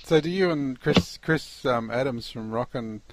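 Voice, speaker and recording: A man's voice: medium pitch, measured pace, noisy background. A man hosting a casual interview, chatting informally and feeling his way hesitantly into his questions. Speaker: podcast host, interviewer.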